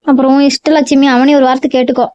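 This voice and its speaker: A woman playing a calm older sister who soothes and reassures, on a dull, dry recording. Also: high-pitched, fast talker, natural voice. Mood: soothing.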